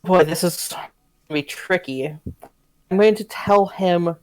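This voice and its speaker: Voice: medium pitch, measured pace, a little mellow, clear, resonant tone. A player at a tabletop game who talks casually, thinking aloud and hesitating with many fillers. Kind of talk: casual game play talk.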